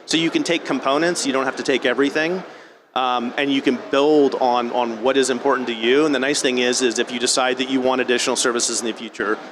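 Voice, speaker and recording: A man's voice: medium pitch, fairly even intonation, quick pace, noisy background. A man giving an informal technical presentation at a conference, conversational and often rephrasing himself mid-sentence. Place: live talk at a conference venue.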